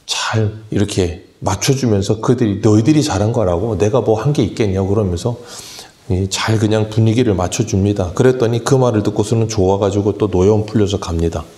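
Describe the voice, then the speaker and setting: A man's voice: lowish voice, warm tone. A middle-aged male pastor giving an early-morning sermon, explaining scripture in a plain, conversational way.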